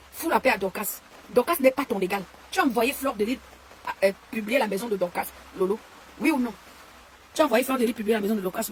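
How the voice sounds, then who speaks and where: Woman, live-stream rant, insulting and repetitive, fairly high voice, faint background hiss. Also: a little mellow. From Cameroon. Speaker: online commentator. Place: home and garden.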